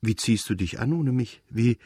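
A man voicing an adult mother, speaking softly and haltingly through tears in a storybook reading. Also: medium pitch, animated, slightly rough, no room sound, clean studio sound. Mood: composing herself. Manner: soft, tearful, halting. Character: grieving loving mother, adult woman.

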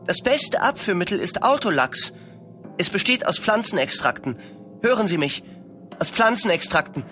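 A man voicing a desperate accused man who pleads and stammers in his distress, his voice raised higher than his narration. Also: measured pace, bright, forceful tone, soft background music. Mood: pleading. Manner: high-strung, imploring.

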